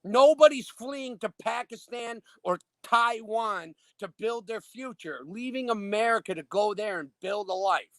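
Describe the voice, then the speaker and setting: A man with a notably high-pitched voice speaks with emphatic indignation, piling up rhetorical questions in a heated political discussion. The recording is dry and close, with no room sound. He talks like a host who is used to holding the floor. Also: unhurried, hardly any pauses, fairly bright tone, no room sound. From Illinois. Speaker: show host.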